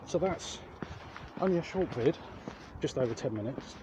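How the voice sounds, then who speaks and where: A man from England with a fairly high, lively voice talks at a moderate pace while walking along city streets. As a vlog host chatting casually to viewers, he rambles, hesitates, repeats words and often corrects himself mid-sentence. The outdoor recording picks up traffic noise.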